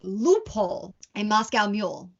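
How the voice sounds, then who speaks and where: A woman's voice: medium pitch, big pitch swings, unhurried, gravelly. A woman co-hosting a casual podcast chat, telling stories with lots of giggles. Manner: giggly, chatty storytelling. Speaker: podcast co-host. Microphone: video call. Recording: dull lo-fi call audio.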